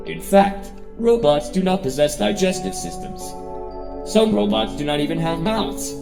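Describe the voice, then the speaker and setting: A man doing a gravelly, pedantic robot voice. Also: high-pitched, normal speed, music in the background. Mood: correcting. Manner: flat, corrective, matter-of-fact. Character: pedantic literal-minded male robot. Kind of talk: fan game dub.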